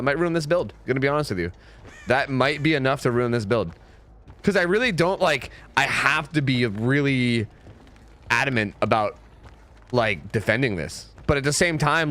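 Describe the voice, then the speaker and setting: A young man streaming live gameplay commentary, animated and swearing freely, jumping into high-pitched panic.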